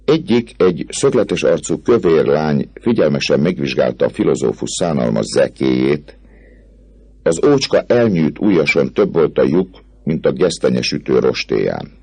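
A man narrating a classic novel as an audiobook, telling the story in a measured, expressive way. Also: very deep voice, breathy edge, no echo.

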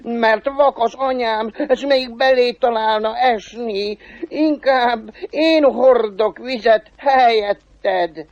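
A man voicing a gullible, whiny male devil in a folk tale, high and shrill when he pleads. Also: few pauses, no echo, dull audio. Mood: pleading.

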